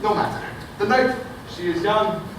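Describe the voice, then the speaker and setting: An actor playing a flamboyant, theatrical family patriarch who tells grand stories, heard on a stage recording. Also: male voice, sits high, moderate pace, natural voice. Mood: grandiose. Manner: grandiose, showy storyteller. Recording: echoey theatre audio from far off, noisy.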